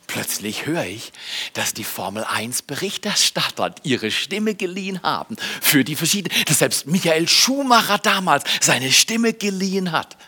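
A man delivers a lively sermon in a bright, somewhat high voice with a husky edge. He addresses the congregation directly, repeats key phrases, and drops from loud outbursts into near whispers. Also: moderate pace. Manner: swings between loud bursts and hushed, whispered asides; repeats phrases for emphasis, talks directly to the audience. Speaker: preacher.

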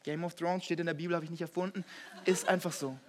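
A young man preaching a sermon to a congregation, animated, swinging from hushed whispers to loud shouting. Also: fairly high pitch, fast talker. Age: young adult. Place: church hall before a congregation.

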